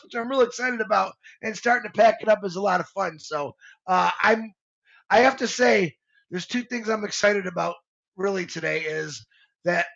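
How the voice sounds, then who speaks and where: An earnest man in his fifties speaks with a bright, gravelly voice that sits high for a man. He rambles with feeling, often stopping and restarting his sentences. The sound is slightly dull and lo-fi, like a livestream. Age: 50s. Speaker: show co-host. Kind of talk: live motivational talk.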